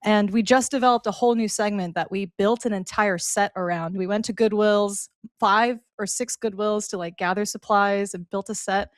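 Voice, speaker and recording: A young woman co-hosting a casual podcast, talking quickly and going off on tangents, with laughs in between. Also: mid-range voice, steady tone, dry recording, studio quality. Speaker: co-host.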